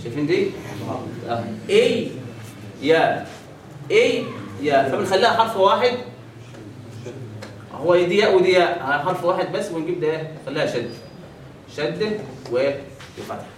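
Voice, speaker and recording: A man's voice: high voice, lively intonation. Egyptian man teaching recitation in an echoey room. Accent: Egyptian Arabic. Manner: quizzes the class with repeated questions and drawn-out recited examples. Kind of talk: classroom tajweed lesson. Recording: echoey room, mic at a distance, faint background hiss.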